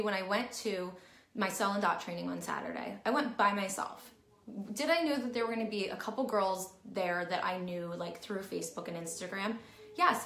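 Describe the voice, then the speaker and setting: A woman's voice: medium pitch, bright, forceful tone. Chatty middle-aged woman vlogging, roomy echo. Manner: candid, chatty, heavy use of "like" fillers. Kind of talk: casual vlog talk to camera. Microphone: camera at close range, talking to herself on screen.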